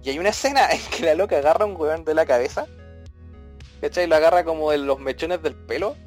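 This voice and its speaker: Chilean male podcast co-host, higher-pitched, acts out scenes with lots of slang; light music bed. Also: fast. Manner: animated storytelling full of slang, acting out scenes. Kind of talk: casual chat.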